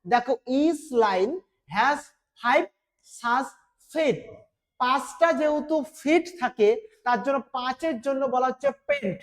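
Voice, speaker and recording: A woman teacher giving an exam-prep literature lesson, explaining step by step, repeating key points and reading English phrases slowly. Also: high voice.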